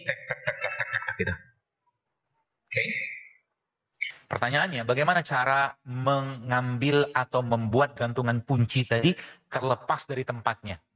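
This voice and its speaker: A man preaching a lively sermon to a congregation, often asking questions and answering them himself, sometimes slipping in English phrases. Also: mid-range voice. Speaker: preacher and physician giving a religious health talk.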